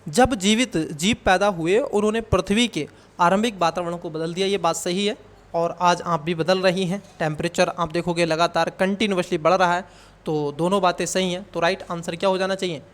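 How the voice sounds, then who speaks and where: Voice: medium pitch, fairly even intonation, moderate pace. A coaching teacher explaining exam questions, who calls the students child and asks and answers their own questions.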